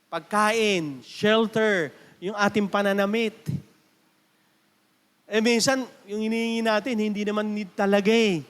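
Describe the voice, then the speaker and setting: High-voiced Filipino pastor preaching in a reverberant church. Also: male voice, steady tone, a little slow, pauses often, fairly bright tone, clean tone. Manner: preaching in Tagalog mixed with English, calling for amens. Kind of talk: sermon.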